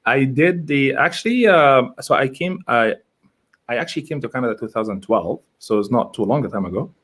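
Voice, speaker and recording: This man, an Egyptian real estate agent, is a guest on a live interview held by video call, rambling and enthusiastically fixing his own words. He speaks fairly quickly in an animated mid-range voice with a fairly bright tone.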